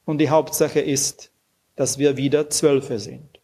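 A man reading aloud and voicing a humble older brother who speaks gently and soothingly. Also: mid-range voice, little pitch movement, takes it slowly. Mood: tender.

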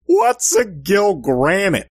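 Comic radio detective: dopey cartoonish lug, good-natured, exclaims in big pitch swings, close dry sound. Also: male voice, huge pitch swings, slow, no room sound, full character voice. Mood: puzzled. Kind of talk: comic radio-play acting.

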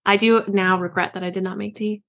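Speaking a little fast with vocal fry, this author and book podcast co-host has a mid-pitched, fairly bright voice and a level tone. Her casual chat is bubbly, peppered with fillers and giggles.

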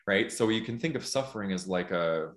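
A man's voice: lowish voice, lively intonation, a little fast. A man hosting a podcast, talking in a thoughtful, earnest way as he works through an idea, often restarting his sentences. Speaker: podcast host. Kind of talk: casual conversational chat. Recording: echoey room.

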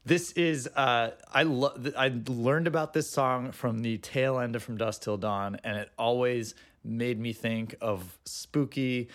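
A male podcast co-host with a mid-range voice, talking casually with easy enthusiasm. He rambles happily through stories and recommendations in relaxed banter. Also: mid-range voice, a little slow, few pauses. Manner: chatty, talks movies with easy enthusiasm.

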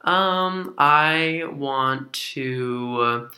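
A young man co-hosts a podcast at medium pitch, speaking extremely slowly in a bright, forceful tone. He chats casually, rambling with plenty of fillers.

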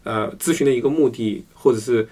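A man's voice: medium pitch, fairly quick, warm tone. A man as a podcast guest in a casual discussion, talking through ideas patiently and explaining step by step.

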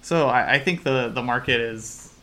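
A man's voice: mid-range voice, normal speed, sharp tone. A man co-hosting a casual sports betting podcast, talking in a rambling, analytical way with frequent restarts. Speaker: podcast co-host.

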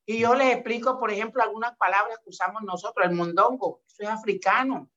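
A woman's voice: mid-range voice, quick pace, muffled recording. A woman from Palenque, Colombia, telling stories in a casual interview as a dance group director, calling the listener "mijo" and "mi amor". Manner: warm affectionate storytelling, says "mijo" and "mi amor". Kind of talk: casual interview talk with sung excerpts.

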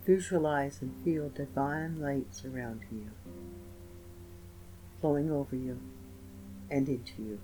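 A man narrating a scripted guided meditation in a slow, gentle, soothing manner with pauses. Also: mid-range voice, poor audio. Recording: voice over meditation music. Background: soft instrumental music with guitar.

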